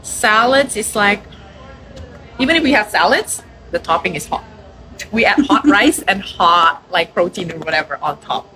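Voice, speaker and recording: A woman from Indonesia, a restaurant owner chatting casually in an interview, lively and quick to laugh. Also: medium pitch, slight background noise, low-quality recording. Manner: lively, laughs often, acts out quoted customers.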